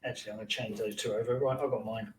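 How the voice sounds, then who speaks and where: A man in a casual podcast chat, chatty and quick to laugh while telling stories. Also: on the low side, steady tone, reverberant. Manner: chatty, tells anecdotes with a laugh. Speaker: podcast co-host. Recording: distant mic with faint background noise.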